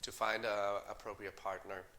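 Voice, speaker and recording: A middle-aged man, a company co-founder, answering interview questions in a measured way with many fillers and restarts. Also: fairly low pitch, flat delivery, pushed and bright. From Denmark.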